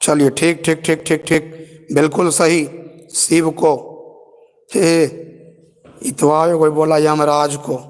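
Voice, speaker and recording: A male teacher giving an online grammar lesson, chanting phrases slowly for students to repeat and addressing them fondly. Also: fairly high pitch, flat delivery, big-room sound. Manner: affectionate, addresses students as bauaa and babu.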